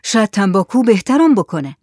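A man's voice: sits high, very animated, a little mellow, no room sound, clean studio sound. A storyteller voicing a frightened village man who pleads anxiously in a raised voice. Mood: fearful. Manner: trembling, pleading speech.

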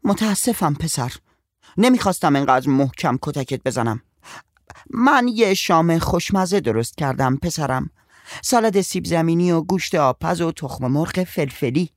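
A man's voice: on the high side, lively intonation, dry recording, studio quality, pitched above the performer's own voice, close to an everyday voice. A man voicing a fierce middle-aged country aunt who scolds urgently, in a storybook reading. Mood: tender.

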